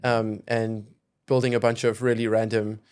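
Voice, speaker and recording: A young man from South Africa, a VC investor guesting on a casual podcast, speaks at normal speed in a fairly low, smooth, darkish voice with level intonation. His manner is reflective, with frequent hedges such as "kind of" and "you know."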